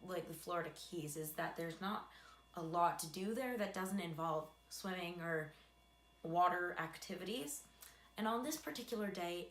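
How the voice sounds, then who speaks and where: A woman's voice: on the low side, a bit bright. A young adult American woman telling a casual personal story in a chatty, self-deprecating way with dry asides. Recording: echoey room with faint background hum.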